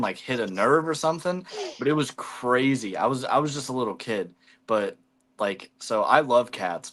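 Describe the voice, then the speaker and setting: A man's voice: on the low side, a bit bright. A man hosting a casual livestream chat, telling rambling stories and swearing freely. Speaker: livestream host.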